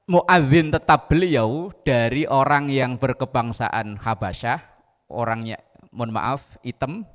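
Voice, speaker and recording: Male Indonesian preacher, teaching tone with light humor, mid-range voice, hall reverb. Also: medium pitch. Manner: quotes Arabic verses, then explains with jokes. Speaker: Islamic preacher. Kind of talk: religious talk on a TV show. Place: TV studio.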